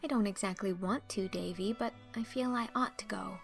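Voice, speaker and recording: A woman as a patient young woman, slightly creaky. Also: medium pitch, normal speed, soft background music, natural voice. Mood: gentle, patient. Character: gentle, patient grown-up young woman, guardian to child. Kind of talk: audiobook character acting.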